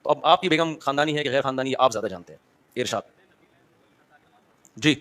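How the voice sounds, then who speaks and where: With a mid-range, slightly bright voice and lively intonation, a man who is an Islamic scholar responds to audience questions. He explains patiently, poses rhetorical questions directly to listeners to make sure they follow, and briefly acknowledges each question before moving on.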